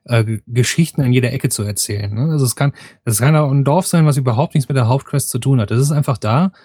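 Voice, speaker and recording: A man's voice: medium pitch, fast talker, warm tone, slightly rough, no echo, clean studio sound. A man co-hosting a casual gaming podcast, agreeable and hesitant, often restarting his sentences.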